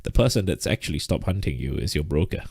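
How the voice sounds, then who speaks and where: A man's voice: a bass voice, big pitch swings, fast talker, creaky, a little mellow, husky, dry recording, studio quality. A man teaching a live trading lesson, explaining step by step and checking in with "right?", short of breath. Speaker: trading instructor.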